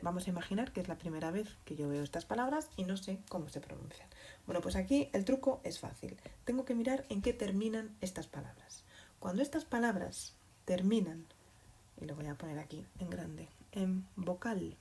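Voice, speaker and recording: A woman teaching Spanish to learners, speaking slowly and patiently, often checking in with a questioning "mm?". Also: lowish voice, lively intonation, mellow, a little hiss or hum. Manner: slow and deliberate, spells out examples. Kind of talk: explaining grammar to learners.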